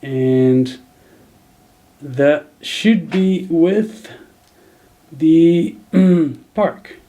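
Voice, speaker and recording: Brief: slow-talking male tutor, mellow tone, halting narration over screen recording. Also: fairly high pitch. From Netherlands. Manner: thinking aloud, halting, many fillers. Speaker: video editing tutor.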